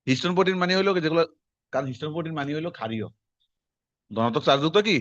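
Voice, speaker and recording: A man, teaching a class in quick, conversational lecture style and quizzing his students as he goes. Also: a little high, animated, a bit bright, dry recording. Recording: dull lo-fi classroom recording.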